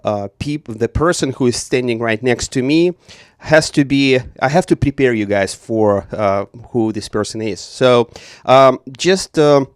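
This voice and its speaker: A man's voice: mid-range voice, a little slow, clean tone, no room sound. A man hosting a live radio show from a small studio, introducing guests formally with many hesitations. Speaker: radio host.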